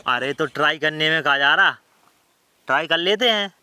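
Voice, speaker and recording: An actor playing a scheming, persuasive young village friend, conspiratorial and rustic, in a comedy skit. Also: male voice, on the high side, moderate pace, noisy background, close to an everyday voice.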